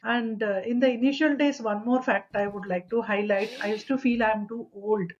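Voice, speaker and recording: A woman's voice: on the high side, fairly even intonation, normal speed, muffled recording. A middle-aged woman with a South Indian accent, speaking conversationally as a coach being interviewed. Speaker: coach for mothers, interview guest.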